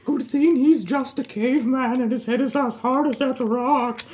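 A smug, pushy imaginary rock friend, voiced by a woman, in a homemade cartoon. The voice sits fairly high, and the talk is bossy, full of crude jokes. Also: normal speed, a little mellow, natural voice. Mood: scheming.

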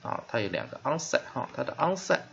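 A male teacher giving a phonics lesson, sounding out word parts slowly and repeatedly with many filler sounds. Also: medium pitch, very animated, gravelly. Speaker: English teacher. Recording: dull lo-fi recording with faint hiss.

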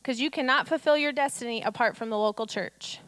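A woman in her thirties, her voice a little high and a bit bright, preaches fairly quickly into a handheld mic on a church stage, with no echo in the recording. She exhorts her listeners through rhetorical questions and acts out quotes.

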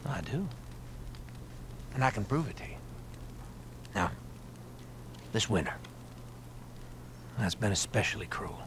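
This is a low, unhurried male voice playing a persuasive leader of a survivor group in a video game. He speaks in a measured, folksy way with quiet menace underneath. The game audio carries a clear layer of background noise. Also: animated. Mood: calm persuasive.

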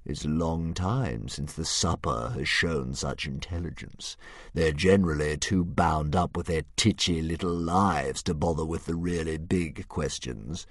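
A man voicing a huge, smug male dragon who talks like a philosopher, with slow, low, silky menace. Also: no echo, clean studio sound, full character voice. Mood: menacing.

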